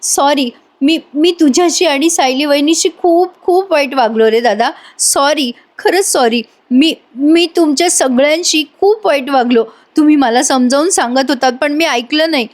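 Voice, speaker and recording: A woman voicing a young man, a remorseful younger brother who apologises in halting, repeated words. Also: sits high, pitched above the performer's own voice, close to an everyday voice.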